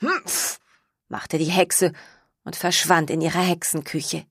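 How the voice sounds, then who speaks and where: A woman reads a children's story aloud at an unhurried, measured pace, calm and gently expressive. Her voice is slightly husky and a little low, recorded close and dry. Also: dry recording. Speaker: narrator.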